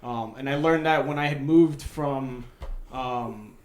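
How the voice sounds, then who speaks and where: A man's voice: mid-range voice, slow pace, echoey room, slight background noise. A man who grew up in New York, telling stories bluntly in a casual podcast chat, swearing often.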